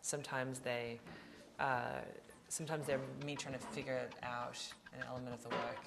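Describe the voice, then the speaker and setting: A woman in her thirties, an artist, talking casually and reflectively in her studio, pausing and restarting often with small laughs. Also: extremely low pitch, little pitch movement, gravelly, far from the mic, very noisy. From Australia. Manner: hesitant, reflective, many restarts and soft laughs. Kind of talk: casual interview talk. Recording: roomy, mic set back, music behind.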